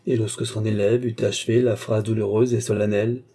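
Very dark-voiced male audiobook narrator. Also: on the low side. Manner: steady, measured storytelling. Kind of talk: scripted narration of a classic novel.

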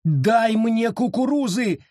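A man voicing a frightened, desperate young settler woman who pleads and shouts. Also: medium pitch, takes it slowly, husky, no echo, clean studio sound. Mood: frantic. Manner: pleading, rising to frantic shouts.

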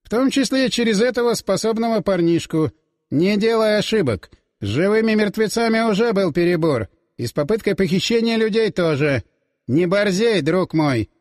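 A man voicing a calm, condescending man who mocks others in a relaxed, sarcastic way, in a raised put-on voice. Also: sits high, normal speed, voice pushed up. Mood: patronizing. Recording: long reverb tail.

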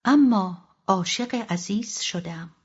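A woman reading a calm, resolute wife. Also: medium pitch, husky, close to an everyday voice. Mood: quiet. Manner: calm, quiet, soft-spoken. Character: calm, resolute middle-aged wife in love. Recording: dull lo-fi audiobook recording.

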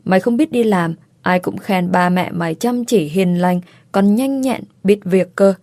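A woman's voice: medium pitch, measured pace, warm tone, dry recording, lightly acted. A woman voicing a blunt, loyal young woman friend who talks brash and teasing, with crude slang.

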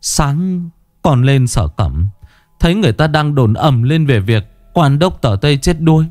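A man's voice: big pitch swings, a little slow, darkish tone, no echo, studio quality, soft background music. A man voicing a skinny young male servant, groveling and stammering in fright. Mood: frightened pleading. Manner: stammering, pleading, high-pitched.

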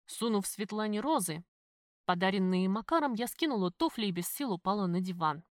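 A woman reading a first-person novel as an audiobook, steady in narration and lively in dialogue, on a close mic. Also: medium pitch, a little fast, no echo.

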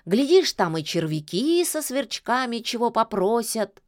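A woman's voice: on the high side, sing-song, measured pace, a little mellow, no echo, studio quality, voice pushed up. A woman voicing a grumpy talking tomcat. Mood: sulky. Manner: grumbling, sulky. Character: grumpy talking tomcat, greedy for fish soup.

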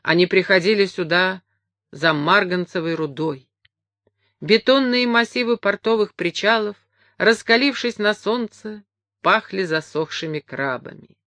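A woman reading a memoir aloud as an audiobook narrator, measured and expressive. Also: mid-range voice, no room sound. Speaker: audiobook reader.

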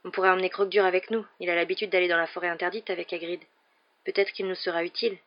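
A reader doing a calm, serious schoolboy. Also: mid-range voice, very fast, natural voice. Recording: dull lo-fi recording.

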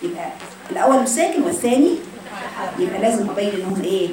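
Egyptian woman recitation teacher, quick, quizzing her class; mic far off in a very echoey room with students murmuring. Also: medium pitch, lively intonation, crowd noise. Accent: Egyptian Arabic. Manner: drills students with rhetorical questions, models slow recitation. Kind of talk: classroom lesson. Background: students present.

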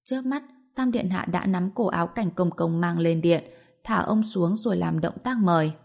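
A woman narrating a fantasy novel aloud in an even, storytelling manner. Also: fairly low pitch, moderate pace, vocal fry. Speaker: audiobook narrator.

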